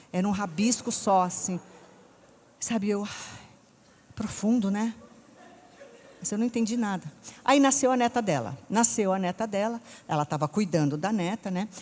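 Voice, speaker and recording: Brazilian woman speaker, warm-chatty sermon delivery with acted-out anecdotes, recorded in a church hall with long reverb. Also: medium pitch. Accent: Brazilian Portuguese. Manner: lively storytelling, acts out voices in her anecdotes; chatty, often checks in with the audience. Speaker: women's conference speaker. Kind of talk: conversational sermon. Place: church sanctuary.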